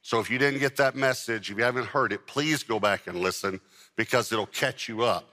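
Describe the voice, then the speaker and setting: A man's voice: medium pitch, fairly quick, bright, forceful tone. Emphatic preacher man in a reverberant hall. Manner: emphatic, repeats and stretches key words; addresses a live congregation. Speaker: pastor. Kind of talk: sermon. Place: church with a congregation.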